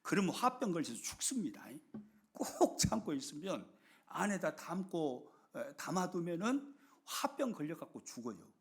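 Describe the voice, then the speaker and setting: Gravelly-voiced pastor preaching dramatically. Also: male voice, on the high side, sing-song, normal speed. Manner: dramatic swings from loud emphasis to hushed whispers. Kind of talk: sermon.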